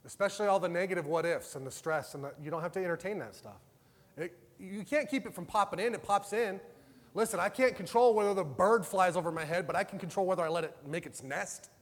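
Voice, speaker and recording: A man preaching a sermon, passionate and conversational, swinging between loud bursts and soft, quiet stretches. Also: high-pitched, fast talker, in a large hall. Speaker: pastor.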